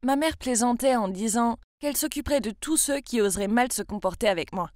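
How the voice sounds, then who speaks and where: A young woman from France narrates her own story in a confiding, chatty tone. Her voice sits fairly high and sounds close and dry, with no room around it. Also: a little fast, darkish tone, no room sound. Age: 20s. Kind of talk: scripted first-person story narration.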